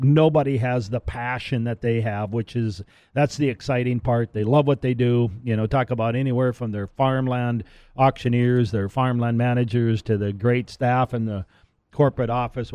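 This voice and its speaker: A man's voice: medium pitch, dark tone, no echo. A middle-aged man hosting a radio talk show, talking casually and rambling with frequent restarts and repeated words. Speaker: radio show host and land auctioneer.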